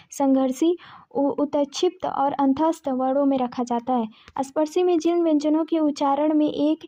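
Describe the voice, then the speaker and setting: A woman with a high-pitched, mellow voice teaches an exam-prep grammar lesson. She reads out letters one at a time and stops to correct herself. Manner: reads lists of letters item by item, self-correcting.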